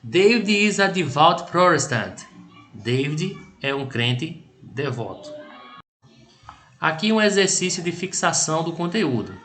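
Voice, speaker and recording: Brazilian guy teaching english, patient, keeps checking you got it, slightly high voice. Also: very animated, fairly bright tone. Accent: Brazilian Portuguese. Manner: patient explaining, with frequent check-ins; models English sentences slowly, then translates them. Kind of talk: recorded language lesson.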